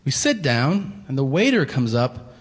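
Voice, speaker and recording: Male stand-up comic, exasperated storyteller with a lively range, playing deadpan characters on a stage in a reverberant hall. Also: mid-range voice, a little slow, husky. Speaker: stand-up comedian. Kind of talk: stand-up routine. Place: comedy stage before a live audience. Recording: long hall reverb, faint ambient noise.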